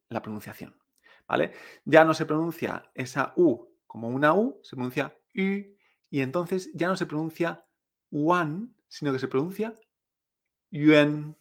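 A man from teaching Chinese pronunciation. He is patient, repeats sounds slowly and keeps checking in with "¿eh?". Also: fairly high pitch, fairly bright tone. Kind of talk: pronunciation lesson.

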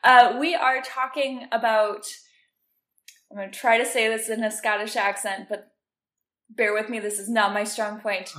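A woman's voice: a little high, little pitch movement, normal speed, pushed and bright. A woman co-hosting a casual podcast chat, laughing often and explaining facts. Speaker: podcast co-host. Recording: roomy echo.

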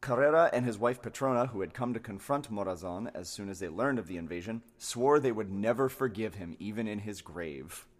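A man co-hosting a podcast, reading a wiki article aloud with steady delivery and joking asides, in a crowded hotel room. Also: on the low side, brisk, few pauses. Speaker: podcast co-host. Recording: echoey room.

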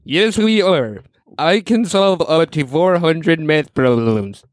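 Man plays a bragging robot housemaid: slow, smooth, bouncy pitch, muffled diction. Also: animated, no echo. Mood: deadpan robotic. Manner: slow, halting robot delivery with muffled enunciation. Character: stiff female robot maid, boastful. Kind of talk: improvised comedy bit.

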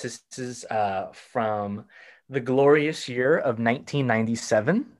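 A man's voice: medium pitch, fairly bright tone. A man with a Texan accent, co-hosting a casual podcast chat and rambling with lots of fillers and restarts. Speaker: podcast co-host.

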